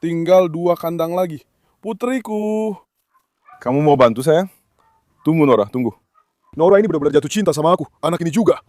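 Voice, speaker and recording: High-voiced man coaxing dogs. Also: animated, a little fast, pauses often, a little mellow, no room sound, studio quality. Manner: coaxing, affectionate talk to dogs, with repeated commands. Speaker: dog breeder and farm owner. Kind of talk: casual vlog narration.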